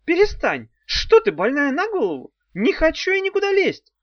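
A man's voice: extremely high pitch, sing-song, moderate pace, no room sound, voice pushed up. A man voicing a hysterical male demon turned into a giant caterpillar, squealing and wailing in a dull, dry recording. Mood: alarmed.

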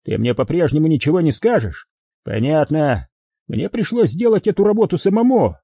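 A man's voice: on the high side, sing-song, moderate pace, vocal fry, dark tone, breathy edge, no room sound, clean studio sound, voice pushed up, exaggerated voice. A man voicing a ruthless middle-aged London gang boss who snarls his threats. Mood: cold, commanding. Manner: snarling, menacing.

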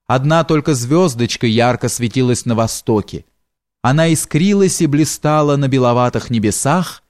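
With measured, expressive storytelling, a man in a mid-range voice narrates a literary audiobook. The recording is studio quality and has no room sound.

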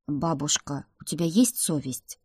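A woman voicing a gentle, worried teenage brother who speaks softly and thoughtfully in an audiobook. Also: deep voice, measured pace, breathy edge, no room sound, studio quality, voice pushed down. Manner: soft, thoughtful.

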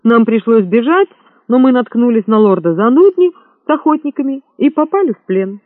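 A man's voice: extremely high pitch, expressive, moderate pace, no room sound. A man putting on an insolent young rogue. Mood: mocking. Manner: mocking, boastful. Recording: thin phone-like sound, dry.

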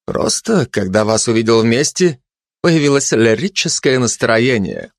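A scheming male dog in a storybook who mocks the others, voiced by a man. He talks with a smirking irony. His pitch moves in a lively way on a dry, close voice. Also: a little slow, no room sound. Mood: ironic. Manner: ironic, smirking.

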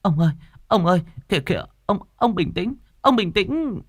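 A man voicing a distraught middle-aged wife and former actress who pleads and cries out in a high voice. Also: very animated, a little fast, a bit bright, heavily acted. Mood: pleading.

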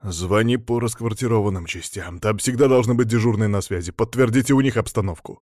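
Man doing a grumpy field marshal snapping orders, low voice, dry sound. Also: a little fast, a little mellow, dry recording, close to an everyday voice. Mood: barking orders. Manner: brusque, bossy, irritated. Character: gruff displeased male field marshal.

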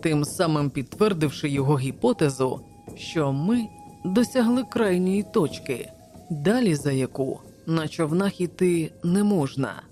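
A woman narrating an adventure novel as an audiobook in a measured, even storytelling manner. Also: low voice, soft background music.

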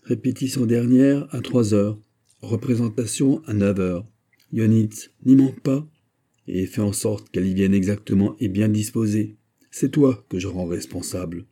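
Casting: man playing an arrogant prince for an audiobook, commanding, with a low, dark, husky voice. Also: normal speed. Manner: lordly and commanding. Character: haughty, domineering man, a prince. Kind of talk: audiobook character reading.

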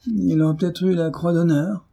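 A man's voice: medium pitch, lively intonation, a little fast, dark tone, breathy edge. A man voicing a sly, fawning middle-aged bailiff with a honeyed sneer, in an audiobook.

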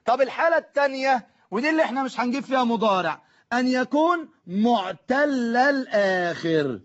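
Man, Egyptian accent, very high voice, grammar teacher, asks and answers himself, drills repetition, muffled recording. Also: animated. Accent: Egyptian Arabic. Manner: asks and answers his own questions, drills the class to repeat forms; slows right down to spell out word patterns. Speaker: Arabic teacher. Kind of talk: exam-prep grammar lesson.

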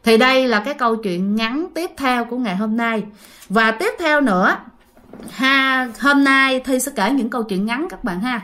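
A woman from Southern Vietnam hosts a channel and retells ghost stories in a casual, chatty manner. Her voice is a little high, expressive, pushed and bright, at a moderate pace, and she speaks straight to her audience with heavy use of sentence-final particles.

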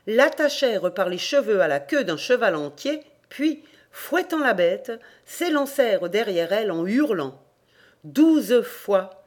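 A man narrating folk legends for a volunteer audiobook, measured and steady. His storytelling moves at an even, unhurried clip, clear and plain, close to a home microphone. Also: sits high. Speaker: audiobook reader. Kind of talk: scripted narration of folk tales. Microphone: home recording mic.

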